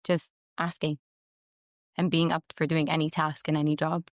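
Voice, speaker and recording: A young Italian-first-language woman from Montreal gives an upbeat, chatty interview, laughing quickly as the casual conversation unfolds. She has a deep voice with little pitch movement. The recording, made in a London workspace studio, is studio quality without echo.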